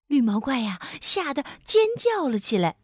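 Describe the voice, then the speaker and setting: A woman narrating a children's storybook in an expressive manner, stretching her sentence-final particles. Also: high-pitched, moderate pace, breathy edge, no echo, studio quality.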